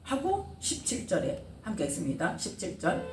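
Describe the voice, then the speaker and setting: A woman's voice: on the low side, moderate pace. A woman pastor preaching a sermon, engaging the congregation with frequent questions and answers. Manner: animated preaching with call-and-response questions. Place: church sanctuary. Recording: roomy echo, distant mic, faint room noise.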